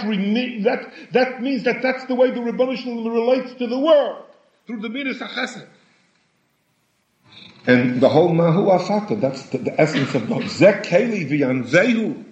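A man giving a sermon in a halting way, often repeating words and rising in pitch for emphasis. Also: expressive. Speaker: rabbi. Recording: echoey room, dull lo-fi sound.

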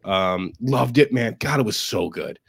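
A man who sounds slightly hoarse and sick with a cough, giving halting, emphatic, sweary film reviews in casual chat. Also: fairly low pitch, expressive, dry recording, clean studio sound. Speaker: podcast co-host.

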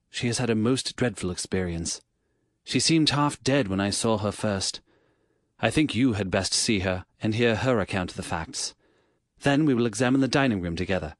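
A man voicing an eager young police inspector in an audiobook, brisk and earnest. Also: fairly low pitch, dry recording, studio quality, lightly acted. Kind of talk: audiobook character voice.

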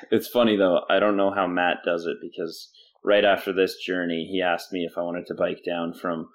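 Low-pitched young canadian man, podcast guest, animated and laughy, does the other people's voices in his stories. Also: moderate pace. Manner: animated storyteller, laughs often, jumps into quoted voices. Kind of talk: casual storytelling interview.

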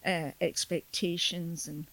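A woman's voice: on the low side, little pitch movement, slow pace, sharp tone. A woman in her sixties from Scotland with a Scottish accent, a storyteller talking casually on a podcast, laughing often and poking fun at herself. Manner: chatty, laughs often, self-deprecating. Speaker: storyteller guest.

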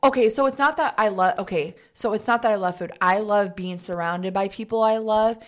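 A young adult woman co-hosting a casual podcast, animated and full of fillers as she chats. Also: mid-range voice, fairly quick. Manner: animated, bubbly, lots of fillers. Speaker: podcast co-host. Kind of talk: casual chat.

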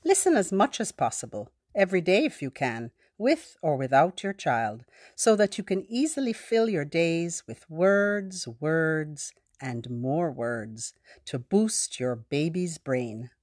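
A woman who hosts a children's podcast, talking gently and leading songs and rhymes for babies in a sing-song way. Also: low voice, sing-song, slow.

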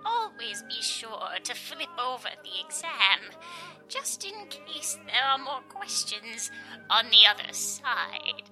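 An actress playing a sick, elderly serial killer in an audio drama, sly and taunting. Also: female voice, high voice, lively intonation, slow pace, pushed and bright, faint music behind, exaggerated voice, low-quality recording. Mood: smug. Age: older. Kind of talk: audio drama villain acting.

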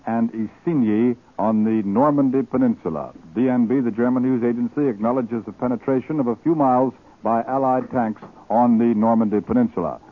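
A man anchoring a network newscast, reading bulletins in a formal announcer's delivery that repeats key facts, heard as an old 1940s wartime radio broadcast. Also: medium pitch. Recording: tinny narrow-band 1940s radio broadcast.

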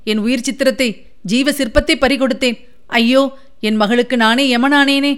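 A woman's voice: sits high, fairly even intonation, normal speed, fairly bright tone, smooth, pitched above the performer's own voice. A woman voicing an elderly male sculptor, a father driven frantic by grief, wailing and pleading. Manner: frantic, wailing, sobbing pleas.

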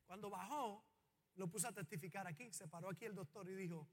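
A man preaching a sermon as pastor of his church, with an impassioned delivery that swells to loud, fervent peaks. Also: high voice, a little fast, in a large hall.

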